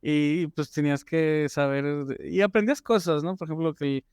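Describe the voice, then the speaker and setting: A man's voice: on the high side, moderate pace, darkish tone, clean tone, no room sound, clean studio sound. Chatty man hosting an interview. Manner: friendly, chatty questioning. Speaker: interview host. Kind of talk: casual interview.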